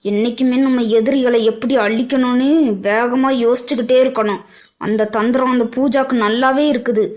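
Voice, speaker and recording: A woman's voice: a little high, steady tone, normal speed, a little mellow, natural voice. A woman voicing a cunning, scheming middle-aged woman plotting against enemies in a cartoon. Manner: scolding, cunning.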